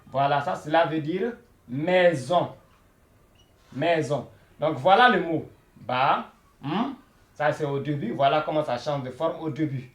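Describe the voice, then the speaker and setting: Slow, patient man teaching in an echoey room. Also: a little high, animated. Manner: patient, repeats words many times, checks in with "hein?" and "voilà". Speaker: Arabic teacher. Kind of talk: beginner language lesson.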